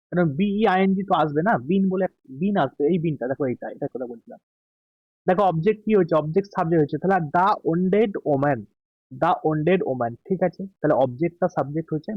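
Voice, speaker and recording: A man with a Bengali accent, an exam tutor going through answer keys slowly, stretching out English words and checking in often. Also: sits high, dry recording, lo-fi sound.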